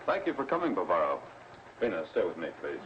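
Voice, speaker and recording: A man playing a decisive American space hero in a 1950s sci-fi serial, with a brisk, commanding manner. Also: sits low, huge pitch swings. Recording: dull, noisy old film soundtrack.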